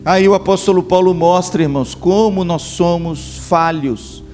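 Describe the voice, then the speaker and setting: A man's voice: high-pitched, unhurried, darkish tone, faint music behind. A middle-aged male pastor preaching a sermon at a church camp, speaking to his listeners as brothers. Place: church camp meeting hall.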